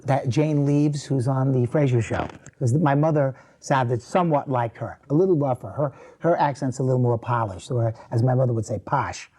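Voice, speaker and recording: A man's voice: mid-range voice, mellow. An older man with an American accent, recalling his childhood in an oral history interview, talking in a rambling way with frequent restarts. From born in England, raised in the US. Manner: rambling, halting reminiscence with many restarts. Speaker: interviewee, retired teacher.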